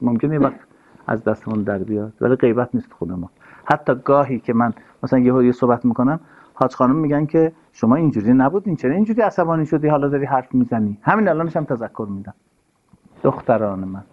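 A man giving an earnest, sermon-style talk, stressing his points and repeating key phrases. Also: medium pitch. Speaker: religious speaker. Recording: dull lo-fi recording.

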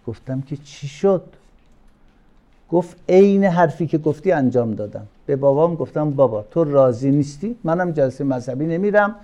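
An older man gives an informal religious lesson to his students, his voice sitting fairly high for a man. He tells stories from his own life, drops to a quiet aside, then drives a point home loudly, drawing certain words out slowly. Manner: warm storytelling with sudden loud emphatic lines; slows down and stretches key words. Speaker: religious teacher. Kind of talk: informal religious talk to a class.

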